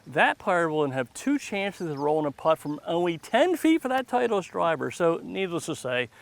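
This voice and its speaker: High-pitched, effusive male golf commentator. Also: big pitch swings, moderate pace, creaky. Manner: effusive, exclamatory, encouraging. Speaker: golf show host and commentator. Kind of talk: excited golf commentary and contest hosting. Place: outdoors on a golf course. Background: music.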